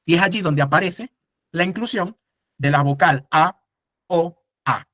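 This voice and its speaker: Higher-pitched man teaching a class. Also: normal speed, fairly bright tone, no room sound, studio quality. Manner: explanatory, asks the class rhetorical questions. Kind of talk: casual classroom lecture.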